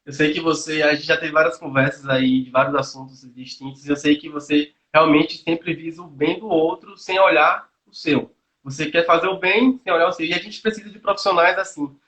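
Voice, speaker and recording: The recording is muffled, roomy, and echoey call audio of a young nutrition student from Salvador, Brazil. With a slightly high, fairly bright voice, he explains his views earnestly while thinking aloud, full of restarts and fillers.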